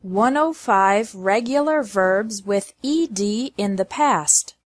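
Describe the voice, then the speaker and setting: A woman reading a scripted pronunciation lesson in a clear, deliberate, carefully enunciated way. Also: mid-range voice, lively intonation, no echo. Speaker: pronunciation teacher.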